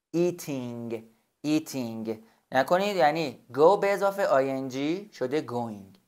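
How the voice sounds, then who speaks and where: A man teaching a beginner language lesson, patiently repeating and spelling out each example slowly. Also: mid-range voice. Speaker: English teacher.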